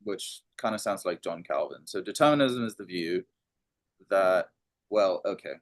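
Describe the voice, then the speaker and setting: Halting, low-voiced man talking philosophy. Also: expressive, dry recording. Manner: hesitant, many ums and restarts. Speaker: podcast co-host. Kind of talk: casual philosophical discussion.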